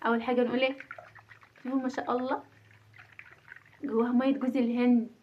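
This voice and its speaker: A mother in her thirties with an Egyptian Arabic accent chats casually in a home vlog, sounding nervous and poking fun at herself. Her voice is on the high side with a level tone, and she talks fast. The home recording is dull and lo-fi.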